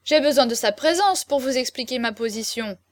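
A woman reading aloud, voicing a drunk young nobleman who keeps insisting on being heard, in a loud and pushy tone. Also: sits high, expressive, fairly quick, dry recording. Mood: tipsy, insistent.

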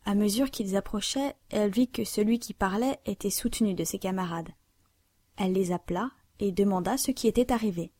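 A woman reads a classic novel aloud at a measured, steady pace. Her voice is mellow and warm. The sound is dry and close to the mic. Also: mid-range voice, dry recording. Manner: measured, even literary reading. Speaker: audiobook narrator. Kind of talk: scripted narration of a classic novel.

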